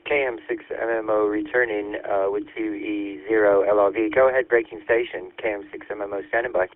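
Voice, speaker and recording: A man's voice: lowish voice, steady tone, a little fast, no echo. A friendly, upbeat man coming over a two-way radio as he runs an amateur radio net, full of call signs and operator codes. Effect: heard over a two-way radio link. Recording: dry, phone-like radio audio.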